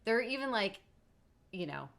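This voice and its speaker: A woman's voice: mid-range voice, sing-song, normal speed, gravelly, fairly bright tone. A woman co-hosting a podcast, chatting casually and filling her talk with "like". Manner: chatty, many fillers like "like". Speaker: podcast co-host. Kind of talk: casual conversation.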